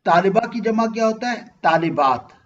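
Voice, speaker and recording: A man's voice: sits high, expressive, moderate pace, muffled recording. A man, teaching Arabic grammar in an online class and patiently quizzing his students. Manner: patient, asks students questions and checks understanding.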